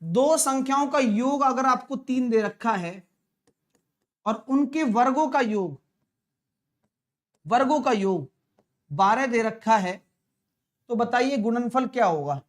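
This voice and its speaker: An animated man with an extremely high pitch teaches a live online maths class for exam prep. He's chatty and coaxing, constantly checking his students with quick questions.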